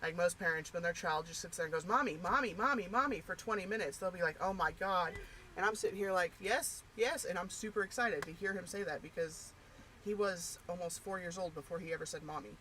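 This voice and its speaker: A woman's voice: on the low side, steady tone, fast, a bit bright, slight background noise, poor audio. A woman chatting casually and candidly, rambling with lots of fillers. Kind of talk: casual personal chat.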